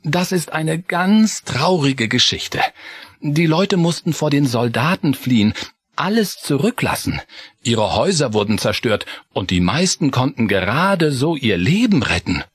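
A man voicing a kind, patient mother mouse who explains things gently. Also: mid-range voice, sing-song, a little slow, slightly rough, dry recording, pitched above the performer's own voice. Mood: gentle.

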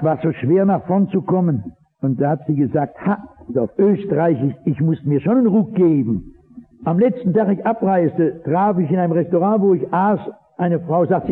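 A man preaching a sermon, impassioned, swinging from loud exhortation to low earnest asides. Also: slightly rough. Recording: tinny old radio broadcast.

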